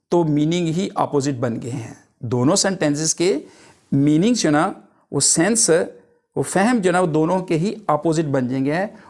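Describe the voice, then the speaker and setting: A man's voice: sits high, a little mellow. A man teaching English grammar, explaining each term with several synonyms.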